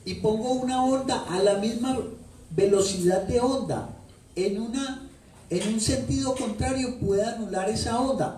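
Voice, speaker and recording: In a bookstore event room, a man with a Colombian paisa accent, an author at his book launch, speaks animatedly to the audience through a handheld mic. His voice is high-pitched with a darkish tone, and he playfully repeats phrases for effect while telling stories. The recording is echoey and distant, with a little hiss or hum.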